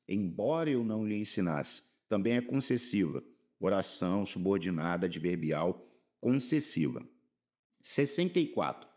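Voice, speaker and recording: Lively Brazilian man teaching grammar. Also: medium pitch. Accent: Brazilian Portuguese. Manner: lively, slangy, reads examples slowly and emphatically. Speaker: exam-prep teacher. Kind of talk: informal grammar lesson.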